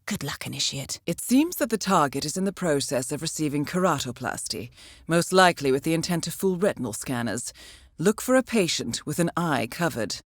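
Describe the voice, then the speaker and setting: Diana Burnwood, composed, lively-inflected spy handler. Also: female voice, deep voice, no room sound, studio quality. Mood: grave, confiding. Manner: measured, precise, understated delivery. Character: composed, calculating female intelligence handler, dryly wry. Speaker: mission handler briefing an assassin. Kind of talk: scripted video game mission briefing.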